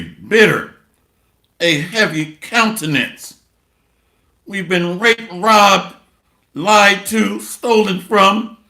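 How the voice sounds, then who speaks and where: Male preacher, sharp bright tone and slow measured pace; blunt, mocking sermon delivery. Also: sits high, gravelly, echoey room. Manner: blunt, coarse, mocking preacher with rhetorical call-outs. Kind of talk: sermon with scripture reading.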